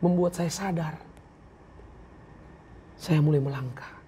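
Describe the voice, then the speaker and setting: A man's voice: fairly high pitch, slow pace, warm tone, a little hiss or hum. A man giving an earnest, emotional personal testimony as an interview guest, acting out the words of others as he tells it. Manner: earnest, emotional, acts out quoted speech.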